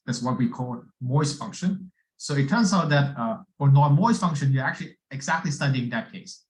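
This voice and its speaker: A man offers off-the-cuff technical commentary as an academic questioner. His voice sits at a medium pitch, and he talks informally and haltingly, building his point in pieces and checking for agreement. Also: rough recording.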